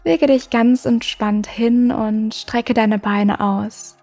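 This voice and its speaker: A woman hosting a meditation podcast, guiding the listener in a soft, slow, soothing way with long pauses. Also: fairly high pitch, steady tone. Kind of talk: guided meditation. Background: music.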